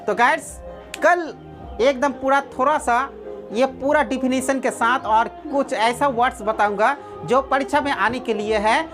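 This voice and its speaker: A woman's voice: high-pitched, unhurried, music in the background. A woman teaching a class of online students, repeating key words and asking the students questions. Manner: repetitive, asks rhetorical questions.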